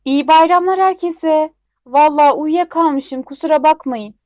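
A woman's voice: sits high, moderate pace, darkish tone, dry recording, natural voice. A young woman acting a breezy, affectionate member of the family in a radio drama. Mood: apologetic, fond. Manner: breezy, casual. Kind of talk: Turkish radio theatre acting. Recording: thin phone-like line, dry.

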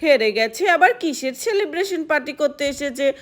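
A woman's voice: high-pitched, animated, brisk. A woman voicing an angry, strict village mother who scolds and complains in a doll story. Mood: complaining.

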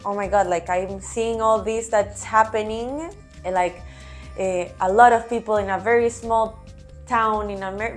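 A woman in her twenties from Argentina and Costa Rica, chatting casually with many fillers in an office on a lapel mic. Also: mid-range voice. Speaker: interviewee. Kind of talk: casual opinion sharing. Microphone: clip-on lapel mic.

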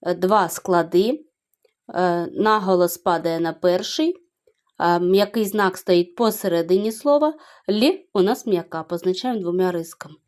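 A middle-aged woman teaching young children in a video lesson, explaining slowly and carefully, syllable by syllable. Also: fairly low pitch, a little mellow. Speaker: primary school teacher.

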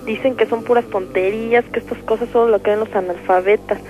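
A woman's voice: fairly high pitch, fairly even intonation, fairly quick. Frightened young Mexican woman on the phone. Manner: pleading, frightened, breaking into cries. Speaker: radio caller. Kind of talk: frightened call to a radio show. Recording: muffled phone line with music behind.

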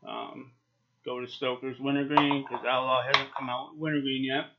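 Background noise sits under this flat, moderately paced delivery from a man with a mid-range voice. He's a forties-aged YouTube reviewer chatting to camera in a small home office, lip packed with dip, recorded on dull, lo-fi webcam audio.

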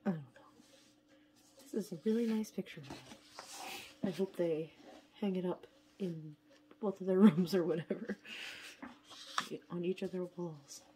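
This unboxing vlogger has a lowish, dark voice and speaks unhurriedly with frequent pauses, her nose stuffed up from a cold. Sitting at an indoor table and filming her hands from overhead, she chats casually and somewhat wearily. The recording is low quality with slight background noise.

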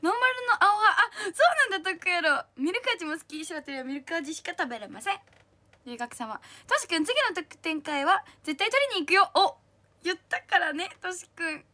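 Very high, bright bubbly young woman. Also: lively intonation. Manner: bubbly, cutesy, quick to laugh and thank. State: slightly husky from a strained throat. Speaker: idol livestream host. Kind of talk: casual livestream chat reading comments.

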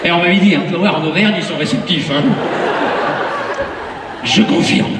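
A high-voiced man works a live comedy hypnosis show, trading teasing jokes with volunteers and dropping into slow, commanding sleep patter. He is heard from far off in a huge arena with long echoing reverb. A murmuring audience sits behind him. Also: over a noisy crowd, heavy background noise. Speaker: stage hypnotist. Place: large concert arena on stage. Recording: echoey arena sound from far off. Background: audience murmur and laughter.

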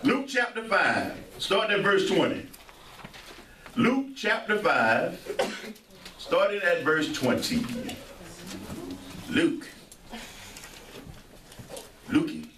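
A man with a St. preaches a sermon as pastor in a church sanctuary, joking with the congregation in call-and-response and calling out many amens. His voice is high-pitched and sing-song, slow, with long pauses. The echoey hall, distant mic, audible congregation, and noisy background all come through.

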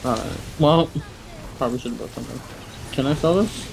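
A man's voice: mid-range voice, creaky, darkish tone, slight background noise. Laid-back New York man gaming. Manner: laid-back, quick game callouts. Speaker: co-host gamer. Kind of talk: casual gameplay chat. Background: game music.

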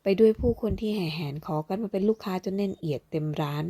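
A woman narrating a fantasy novel aloud, slowing down as she voices the characters. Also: medium pitch, mellow. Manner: voices characters with slow, deliberate delivery. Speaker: audiobook narrator. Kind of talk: dramatic novel reading.

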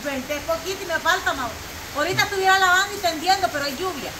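A woman, talking loudly in casual banter as a vlog host. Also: extremely high pitch, quick pace. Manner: loud, near-shouting talk. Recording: steady hiss on recording.

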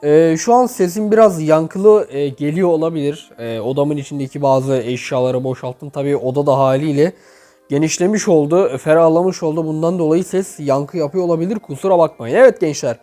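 A man's voice: fairly high pitch, fairly quick, warm tone. A young man reviewing game accounts in chatty commentary, talking straight to his viewers, his voice echoing off a half-emptied room. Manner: chatty, addresses viewers directly and often. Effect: echoey voice from a half-emptied room. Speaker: gaming YouTuber reviewing player accounts. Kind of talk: casual commentary over gameplay.

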